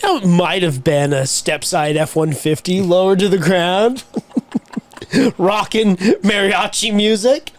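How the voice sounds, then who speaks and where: A podcast co-host with a high voice takes his time telling a long, rambling anecdote. He swears casually and slips into quoted voices as the story unfolds.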